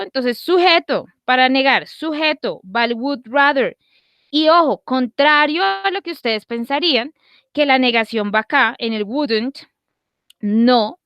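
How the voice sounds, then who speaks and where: Female online English teacher, fairly high voice, dry sound, keeps checking in with students, slows down for examples. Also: fairly bright tone, clear, resonant tone, no room sound. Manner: checks in often with short questions, slows down to read example sentences. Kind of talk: online grammar lesson.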